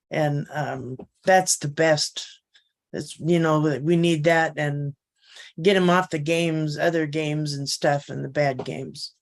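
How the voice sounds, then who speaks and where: A woman giving a rambling, excited, giggly testimonial on a video call. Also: fairly low pitch. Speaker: company member on a webinar. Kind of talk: casual testimonial.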